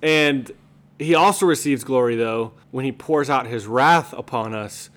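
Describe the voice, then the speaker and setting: A man's voice: mid-range voice, a little slow, a bit bright. A man co-hosting a podcast, chatting and explaining in a casual style. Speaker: podcast co-host.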